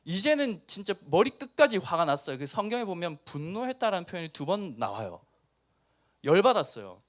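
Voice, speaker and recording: Animated Busan-accented pastor preaching. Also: male voice, high voice, fairly quick. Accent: Busan dialect. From Busan, South Korea. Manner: animated storytelling, acting out characters. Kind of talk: youth sermon.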